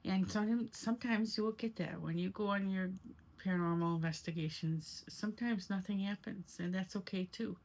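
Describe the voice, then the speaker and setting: A woman's voice: mid-range voice, moderate pace, a little mellow, low-quality recording. A woman giving a casual, rambling first-person recap as an amateur paranormal investigator vlogger. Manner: rambling, conversational.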